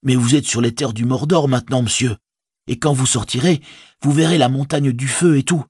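A man's voice: mid-range voice, normal speed, a little mellow, slightly rough, no room sound, clean studio sound, pitched above the performer's own voice, lightly acted. A man voicing a loyal, humble young hobbit servant in an audiobook, speaking in a folksy, deferential way in a raised voice. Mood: devoted. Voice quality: folksy colloquial speech, deferential. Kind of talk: audiobook character voice.

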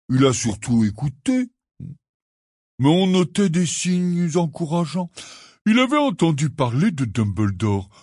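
A man reading the part of a huge, gruff but kindly half-giant gamekeeper in an audiobook, telling his tale in a rambling, earnest way. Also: a little high, darkish tone, dry recording, studio quality.

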